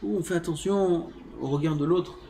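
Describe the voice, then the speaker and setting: A man with a slightly high voice gives a religious lesson as a rabbi. His delivery is animated, rising sharply and then falling to near whispers as he asks his listeners questions. Faint noise sits behind him. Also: moderate pace, creaky. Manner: asks the class questions and acts out everyday scenes. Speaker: rabbi teaching a class. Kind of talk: Torah lesson, reading Hebrew text and explaining in French.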